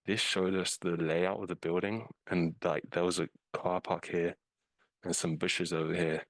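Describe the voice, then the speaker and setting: A British-accented scam investigator casually walks through a case with slides in a webinar over a video call, loose and informal with fillers like "um" and "like". His voice is low-pitched, level and a bit bright at a moderate pace, on a dry recording with poor audio.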